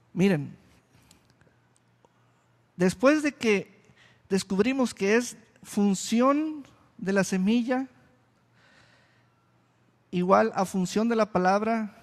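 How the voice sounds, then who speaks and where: Slow, high-voiced preaching pastor in a hall. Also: male voice. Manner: slow, deliberate preaching with repeated phrases. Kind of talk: sermon. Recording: long reverb of a church hall.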